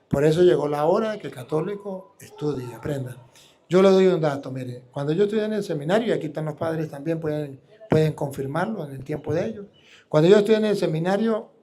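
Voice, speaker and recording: Priest, man, high voice, preaching live, combative and full of rhetorical questions. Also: warm tone.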